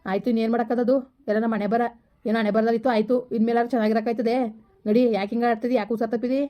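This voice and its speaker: Woman playing a gently coaxing village husband. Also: on the high side, flat delivery, racing, close to an everyday voice. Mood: consoling. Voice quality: coaxing, reassuring. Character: forgiving village husband, steady and soothing. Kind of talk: village family drama acting.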